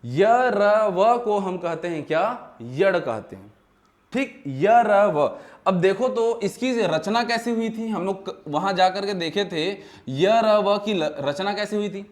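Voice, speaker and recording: A man's voice: high-pitched, expressive. A male teacher from Chhattisgarh giving a grammar lecture, asking questions and answering them himself, drawing out words as he explains. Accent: Chhattisgarh Hindi. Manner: asks questions and answers them himself, repeats key terms; slow, drawn-out words when spelling things out.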